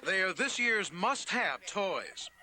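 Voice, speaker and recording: A man's voice: high-pitched, big pitch swings, takes it slowly, sharp tone. An American man narrating a scripted television news report as a correspondent, in the manner of a news anchor. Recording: clear background noise, 1990s TV news report.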